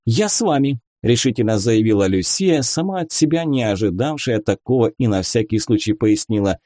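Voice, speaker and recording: A man narrating a story aloud in an expressive, storytelling manner. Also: fairly low pitch, a little fast, no room sound, clean studio sound. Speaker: audiobook narrator. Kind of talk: scripted narration.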